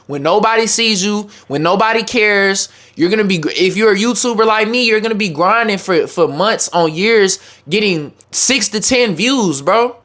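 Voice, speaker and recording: A man with a high-pitched voice speaks as a YouTuber giving motivational advice. He talks straight to viewers in casual slang, repeating phrases for emphasis as he urges them on. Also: fairly bright tone. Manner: emphatic, repetitive exhortation; slangy, informal address.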